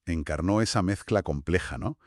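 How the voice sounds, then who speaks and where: A man's voice: low voice, animated, normal speed, no room sound, clean studio sound. A man co-hosting a history podcast, reflective, prompting with questions and summaries in casual conversation. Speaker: podcast co-host asking questions.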